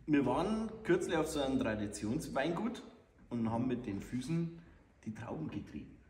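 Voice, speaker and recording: Male comedy co-host, mid-pitched with animated melody, casual gag-telling, echoey with slight noise. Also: normal speed. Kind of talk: casual joke-telling banter. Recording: echoey room, faint noise.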